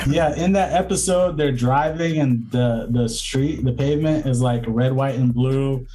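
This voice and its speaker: A man's voice: mid-range voice, measured pace, mellow, rough recording. A man speaking as a guest in a casual interview, reflective and rambling, with many fillers and restarts. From Southern California. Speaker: guest, lawyer and entrepreneur.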